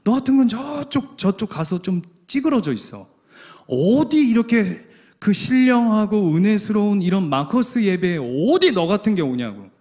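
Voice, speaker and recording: A man's voice: sits high, darkish tone, voice pushed up. A man preaching who voices a scornful crowd member taunting a blind beggar, in a contemptuous, jeering way.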